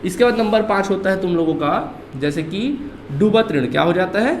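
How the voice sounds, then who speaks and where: A man's voice: high voice, animated, moderate pace, reverberant, noisy background. A male accountancy teacher giving a classroom lecture, firing questions at students and answering them himself, repeating key terms.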